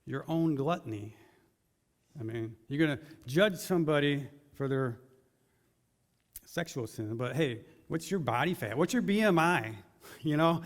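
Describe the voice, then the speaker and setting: A man preaching a sermon in a casual, conversational way, putting question after question to his congregation. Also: on the high side. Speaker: pastor. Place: large church hall. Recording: long hall reverb.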